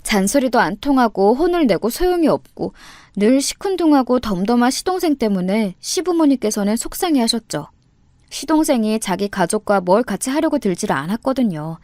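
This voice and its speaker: A woman's voice: a little high, no room sound. Woman narrating a story, dry close sound. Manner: calm, even storytelling. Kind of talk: scripted narration of a personal story.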